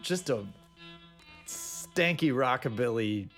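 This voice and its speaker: A man's voice: mid-range voice, expressive, slow pace, fairly bright tone, soft background music. Chatty male podcast co-host. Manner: chatty, talks movies with easy enthusiasm. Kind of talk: casual podcast chat.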